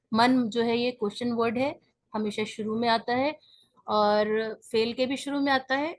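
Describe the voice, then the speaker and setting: A woman teaching a beginners' grammar class online, explaining step by step and often checking in with her students. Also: mid-range voice.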